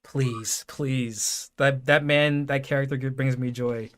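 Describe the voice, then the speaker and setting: Excitable man chatting on a podcast. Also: mid-range voice, takes it slowly. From New York. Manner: animated, excitable, laughs a lot. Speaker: podcast co-host. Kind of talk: casual group chat.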